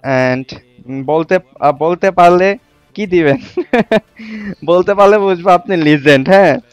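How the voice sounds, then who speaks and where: A man hosting a casual live stream, chatting with viewers and reading their comments out as he quizzes them. His voice is smooth and clear, a little higher than most men's. The sound is dry and close, with no room echo. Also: expressive, slow, faint music behind. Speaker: livestream host.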